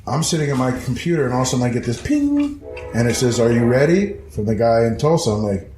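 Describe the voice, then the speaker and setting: A man telling a story in casual conversation, animated and profane, acting out other people's voices as he goes. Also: medium pitch, quick pace, a little hiss or hum. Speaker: guest storyteller. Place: house interior. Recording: echoey room, faint ambience.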